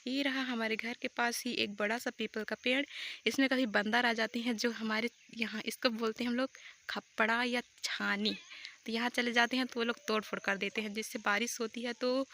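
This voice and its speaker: A woman's voice: on the high side, steady tone, normal speed, creaky, bright, forceful tone. A young woman vlogging casually as she tours her rural home outdoors, chatty and a little apologetic, recorded on a handheld phone. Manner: chatty, apologetic, homely commentary. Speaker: village vlogger. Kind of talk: casual village vlog tour.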